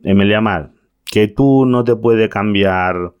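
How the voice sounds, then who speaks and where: A man, a waiter, telling a work anecdote to viewers in a casual, animated way, with sound effects. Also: fairly low pitch, slow, smooth, lo-fi sound.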